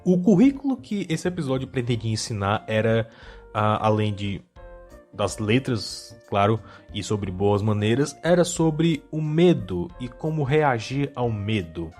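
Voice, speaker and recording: A man with a Brazilian accent speaks in a mid-range voice over soft background music. He delivers casual video-essay commentary and wanders into wry, joking asides. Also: medium pitch, big pitch swings, a little slow.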